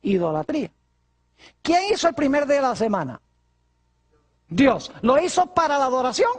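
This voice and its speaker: A man's voice: very high voice, big pitch swings, moderate pace, husky. A male pastor preaching a sermon, asking his congregation rhetorical questions.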